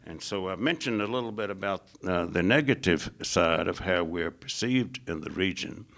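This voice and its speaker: A man's voice: normal speed, gravelly, a bit bright. An American man giving a public lecture on foreign policy, speaking emphatically and stacking up lists, with frequent "uh" fillers. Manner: emphatic, builds lists with rising pitch.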